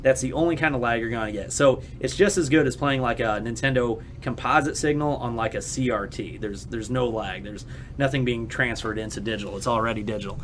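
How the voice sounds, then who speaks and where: A man on a casual podcast, walking through technical details with a steady explaining manner. Faint room ambience sits behind his voice. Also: medium pitch, brisk, slight background noise. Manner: technical, explaining gear at length. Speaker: podcast co-host.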